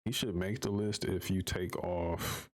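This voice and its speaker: A man's voice: low-pitched, fairly even intonation, a little slow. A man streaming live, ranting casually with profanity and exasperated repetition. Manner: profane, exasperated, repeats himself while arguing.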